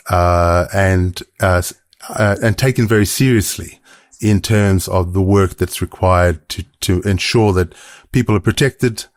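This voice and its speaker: Low-voiced man, slight Papua New Guinean twang. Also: no echo, studio quality. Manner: thoughtful, halting with fillers, then quick bursts. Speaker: guest. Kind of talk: conversational interview answers.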